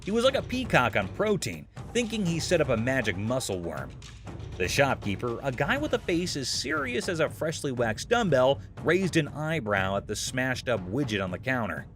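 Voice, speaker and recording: A man tells a scripted comedy recap with an animated, up-and-down voice. He leans into jokey comparisons and playful exaggeration. Soft music plays faintly behind him. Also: medium pitch, moderate pace. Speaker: narrator.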